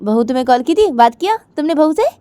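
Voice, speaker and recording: A woman's voice: high-pitched, sing-song, fast talker, dark tone, no echo, voice pushed up. A woman doing a fussy talkative mother. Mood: chatty. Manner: chatty, questioning.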